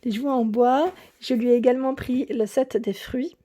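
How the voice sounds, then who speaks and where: Young woman, casual haul chat, fairly high, mellow tone, lots of fillers and restarts. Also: steady tone, moderate pace, slight background noise. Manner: chatty, hesitant with many fillers and restarts, laughs often. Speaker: YouTube vlogger.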